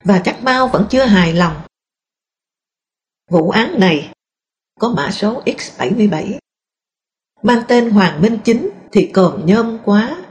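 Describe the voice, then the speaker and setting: A woman reading a first-person memoir aloud in a calm, steady storytelling voice. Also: a little high. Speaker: narrator.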